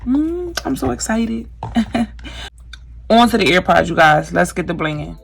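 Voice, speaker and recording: Speaking slowly in a mid-range voice with creak and a breathy edge, a young woman walks through a craft how-to vlog. She's chatty, full of fillers, and keeps addressing her audience as "you guys" while faint music plays behind her.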